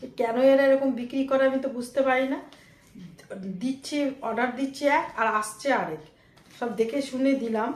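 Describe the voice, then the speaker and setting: A woman's voice: high-pitched, steady tone, fairly quick. Chatty middle-aged woman vlogging. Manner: chatty, talks to viewers directly. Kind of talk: casual vlog narration. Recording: roomy echo, faint ambient noise.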